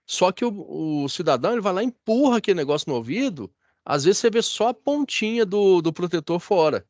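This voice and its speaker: A man's voice: sits high, sing-song, fairly quick, darkish tone, dry recording. A Brazilian man teaching a classroom lecture, chatty and often asking the class if they follow. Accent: Brazilian Portuguese. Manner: chatty, asks the class for agreement.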